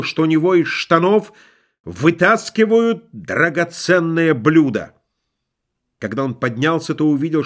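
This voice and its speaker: A man narrating a literary audiobook in an expressive, lively storytelling manner. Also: a little high.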